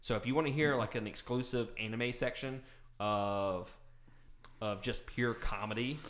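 Male podcast co-host, casual and profane, quick to laugh, mid-range voice. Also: mid-range voice. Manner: profane, laughing, loud outbursts. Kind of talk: casual chat.

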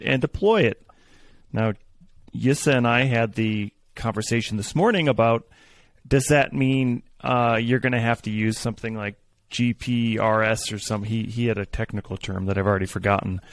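A man's voice: mid-range voice, normal speed. Rambling sarcastic man talking shop. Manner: rambling, sarcastic, many fillers and restarts. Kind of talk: casual tech discussion.

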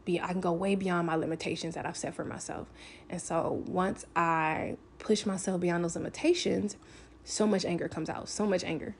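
A woman's voice: fairly low pitch, fairly even intonation, moderate pace, vocal fry, a little hiss or hum. A woman talking candidly to camera, telling a personal story in a casual, frank way, swearing freely and filling with "like".

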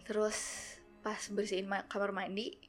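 A woman's voice: mid-range voice, moderate pace, soft background music. Young woman telling a ghost story. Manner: animated, acts out quoted voices. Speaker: guest storyteller.

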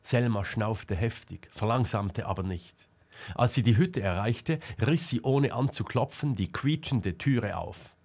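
Male narrator for a novel, low voice, slow measured delivery. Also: a little mellow, slightly rough. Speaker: audiobook narrator. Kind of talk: scripted narration.

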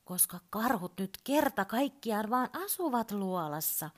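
A woman voicing a male toy bear who patiently explains things, his voice climbing higher. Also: animated, close to an everyday voice. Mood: explaining. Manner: explains, growing exasperated and shrill.

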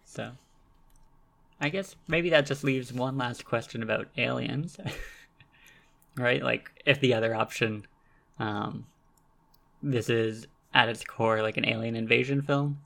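A man co-hosting a casual podcast about a film, relaxed and hesitant, with many fillers. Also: mid-range voice, slow, creaky, long pauses. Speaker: podcast co-host. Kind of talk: casual movie discussion.

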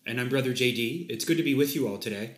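A man co-hosting a casual religious chat podcast, teasing his partner in a dry, deadpan way. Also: medium pitch, fast talker. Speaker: podcast co-host. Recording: echoey room.

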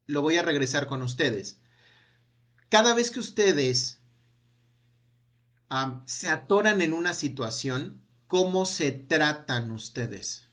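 Slow, soft-spoken man. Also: a little high, animated. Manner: poses a long series of gentle reflective questions, trailing off with a soft "no?". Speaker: workshop speaker. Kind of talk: self-help workshop talk.

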